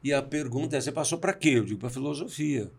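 Speaking fast at medium pitch with vocal fry and a slightly rough edge, a Brazilian man in his sixties shares personal stories as a podcast guest. He's reflective and acts out quoted dialogue within the conversation.

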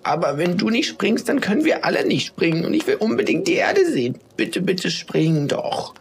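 A man voicing a tiny young snowflake in a storybook tale, squeaky and pleading. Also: wildly swooping pitch, normal speed, creaky, a little hiss or hum, full character voice.

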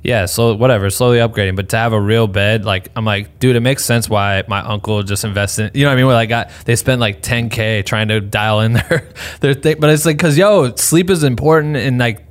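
A young man hosting a podcast, chatting casually and rambling in slang, laughing often. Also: mid-range voice. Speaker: podcast host. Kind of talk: casual podcast chat with ad read.

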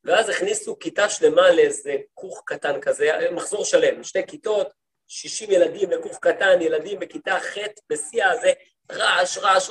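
A man with a fairly high voice teaches a class as a rabbi. He tells his stories in a lively way, playing out the lines of the people in them, and he keeps turning to his listeners with questions. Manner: lively storytelling, acts out quoted speech. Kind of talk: lecture to a women's study group.

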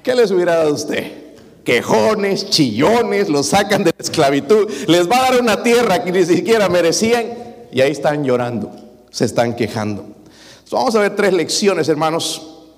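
Male pastor, higher voice, animated sermon with acted-out quotes, church hall reverb. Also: moderate pace. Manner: lively preaching, dramatic quoted voices, addresses congregation as brothers.

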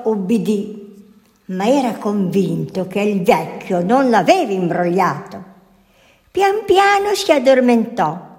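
A woman's voice: mid-range voice, darkish tone. A woman, a nun, reading a fairy tale aloud in a storytelling manner. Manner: slow, lilting storytelling. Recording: echoey hall.

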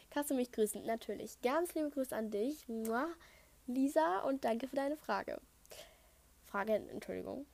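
A woman's voice: a little high, darkish tone, dry recording. A thirteen-year-old girl from Saxony hosting her own podcast, chatting casually through listener questions and often drifting off topic with lots of fillers, recorded on a headset mic at home. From Saxony, Germany. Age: teenager, thirteen and a half. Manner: chatty, rambling, wanders off topic with many fillers. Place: at home, construction noise outside. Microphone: Apple headset.

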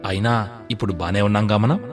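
A man's voice: on the low side, steady tone, fast talker, music in the background, close to an everyday voice. A man voicing a patient, loving middle-aged father in a storybook tale, speaking in a soothing, reassuring way.

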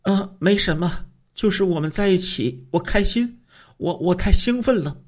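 A man's voice: sits high, lively intonation, moderate pace, voice pushed up. A man voicing a frightened young wife, pleading tearfully with her husband. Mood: resolved. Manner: tearful, begging.

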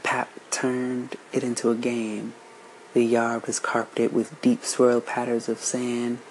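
A man narrates a story aloud, slow and measured. His voice sits in a middling register. A faint hum of background noise runs under the recording. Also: medium pitch, darkish tone, rough recording.

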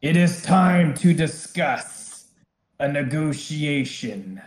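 Guy doing a booming menacing dragon calling out from inside a tower, slow and bossy, echoey room. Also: lively intonation. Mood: menacing, bargaining. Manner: slow, commanding, threatening. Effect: booming voice carrying from inside a tower. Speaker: game master.

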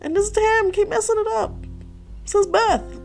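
A spoiled, scheming stepsister whines in a shrill, pinched voice, as a woman puts her on. The pitch jumps high above her usual, with a faint gravelly edge underneath. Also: fairly even intonation, unhurried, a little mellow, soft background music, full character voice, low-quality recording. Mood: whiny, sly. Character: jealous scheming young woman, whiny and spoiled.

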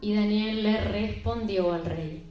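A woman's voice: mid-range voice, takes it slowly, dark tone. A woman preaching a sermon and retelling a Bible story in an emphatic, conversational way. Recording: very echoey room with faint music.

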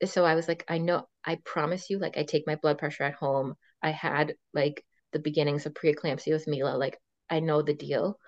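A woman in her thirties appears as a podcast guest, chatting casually and telling a long story packed with fillers and quoted dialogue. Her low voice is steady and brisk with hardly any pauses, recorded with a dull, dry lo-fi sound and no echo.

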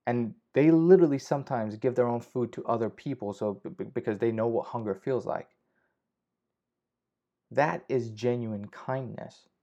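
On this slightly dull lo-fi recording, a young podcast host with a mellow mid-range voice talks at a normal speed. It's a casual solo show where he rambles, restarts often and swears a lot.

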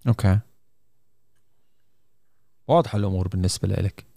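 A man's voice: low voice, quick pace, gravelly, mellow, no echo, clean studio sound. A man with a Levantine Arabic accent, interviewing in casual, probing conversation, now and then mixing in English.

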